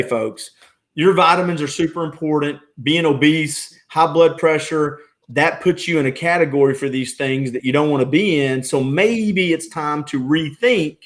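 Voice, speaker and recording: A middle-aged man hosts a relaxed podcast interview, his voice sitting a little high for a man. He rambles and breaks off mid-thought, starting sentences over. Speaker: podcast host. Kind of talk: casual interview chat.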